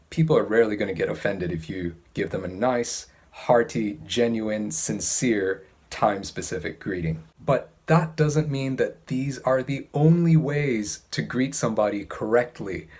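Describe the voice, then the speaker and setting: A man giving an instructional talk as an English teacher, speaking in a precise, measured way with careful enunciation. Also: mid-range voice, a little mellow.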